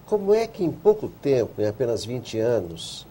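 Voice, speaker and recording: A man's voice: medium pitch, big pitch swings, normal speed, mellow, husky. A man co-hosting a talk show, asking the ambassador a question. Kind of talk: questioning a guest.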